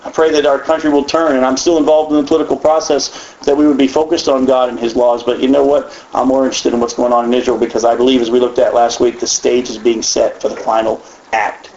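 A man from the United States teaching the Bible in a conversational way, animated and folksy, with frequent asides and repeated words. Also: mid-range voice, quick pace, few pauses, a little hiss or hum. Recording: echoey, dull lo-fi room sound.

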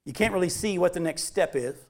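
A man's voice: high voice, animated, fast, creaky. A man pastor preaching a sermon with animation, acting out quoted voices as he reads scripture.

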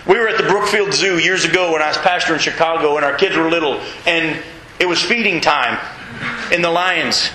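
A middle-aged man preaching a sermon as pastor, animated and reading scripture aloud to his congregation. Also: a little high, brisk, echoey room, slight background noise, low-quality recording. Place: church sanctuary with congregation.

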